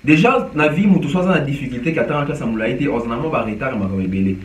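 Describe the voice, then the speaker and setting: A man's voice: mid-range voice, quick pace. A man from DR Congo, giving casual commentary on music news and mixing in Lingala with many hesitations. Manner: mixes French and Lingala, animated with frequent hesitations. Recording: echoey room, distant from mic.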